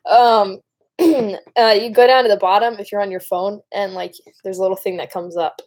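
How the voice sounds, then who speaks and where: A young woman live-streamer with a Michigan, Great Lakes accent talks off the cuff. Her voice sits at an average pitch for a woman. She rambles casually, breaking off to address whoever is watching. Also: steady tone, normal speed, a little mellow, a little hiss or hum. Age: young adult.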